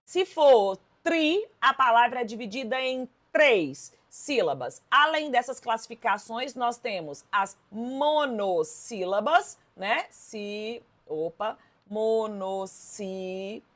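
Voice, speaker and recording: A lively Brazilian woman leads an exam-prep grammar lesson. Her voice sits a little high, and she stresses key words as she speaks to her students. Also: takes it slowly, hardly any pauses. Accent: Brazilian Portuguese. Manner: lively, emphatic, addresses students directly. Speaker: Portuguese teacher.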